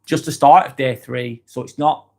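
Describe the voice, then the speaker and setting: A mellow, mid-range male voice with vocal fry holds a steady tone at normal speed. He is a livestream vlogger from East Lancashire, England, speaking with a Lancashire accent as he casually chats and reads viewer comments, rambling with frequent ums and restarts.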